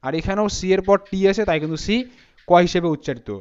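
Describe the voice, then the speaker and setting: A man's voice: sits high, fast, clear, resonant tone, dull audio. A man teaching English pronunciation as a spoken lesson, patiently spelling words out letter by letter.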